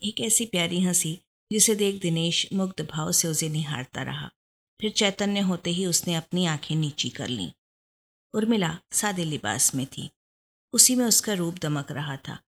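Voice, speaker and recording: A woman narrating a family story as a storyteller, reading in an even, expressive way. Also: lowish voice, moderate pace.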